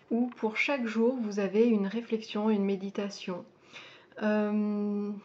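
A woman hosting a casual video where she presents a book, speaking hesitantly with frequent fillers, pauses and restarts. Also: medium pitch, a little mellow. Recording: dull lo-fi sound.

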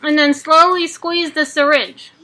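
A woman gives a relaxed, homemade tutorial in a high, bright voice. Her words come through a jaw wired shut, so the teeth stay clenched as she talks. She is recorded indoors, close to a webcam. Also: unhurried. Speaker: vlogger. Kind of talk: casual tutorial chat. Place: small home living room, indoors. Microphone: webcam at close range.

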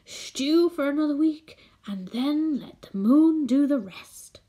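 A woman voicing a creaky, whispering old man. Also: high-pitched, expressive, mellow, pitched above the performer's own voice. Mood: wild excited. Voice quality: slow and creaky. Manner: whispering, drawn-out coaxing. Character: strange tiny old man, bald, whiskered, creepy. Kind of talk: audiobook character voice.

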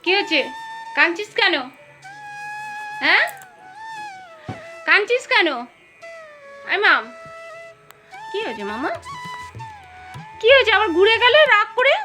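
A woman's voice: very high-pitched, big pitch swings, unhurried, pauses often, over music. A young woman cooing affectionately in baby talk to a sulking pet.

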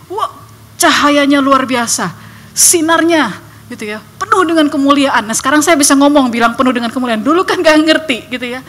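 A young woman evangelist giving a lively testimony to a church congregation, acting out voices and sounds as she tells her story. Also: fairly high pitch, a little hiss or hum. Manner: animated storytelling, acts out voices and sound effects. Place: church hall.

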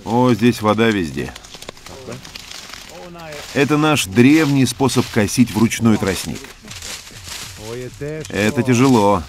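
A man's voice: mid-range voice, animated, takes it slowly, long pauses, a little hiss or hum. A man voicing a documentary interview, asking and answering in a plain conversational way. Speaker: interviewer and voice-over narrator.

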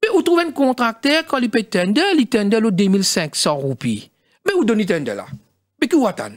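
A middle-aged man with a Mauritian accent, a studio guest explaining in halting speech with many fillers and restarts. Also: high voice, very animated, dry recording. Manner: halting, mixes French and Creole, many fillers. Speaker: studio guest, former district council president.

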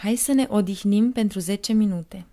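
A woman reading short phrases clearly and carefully for learners, saying each one several times. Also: medium pitch, warm tone. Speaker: language teacher.

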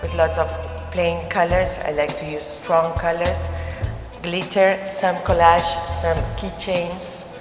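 A middle-aged woman from Argentina with an Argentine Spanish accent, a native Spanish speaker, explaining her artworks in a halting way, searching for words. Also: lowish voice, little pitch movement. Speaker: artist. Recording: roomy gallery echo with music.

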